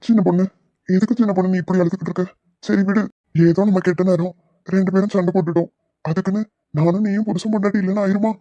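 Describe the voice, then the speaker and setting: A man doing a gentle, gullible young husband in a cartoon, soothing and patient. He talks quickly in a mellow, mid-pitched voice. The recording is close and dry. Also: fairly even intonation, dry recording, lo-fi sound, natural voice. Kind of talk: cartoon voice acting.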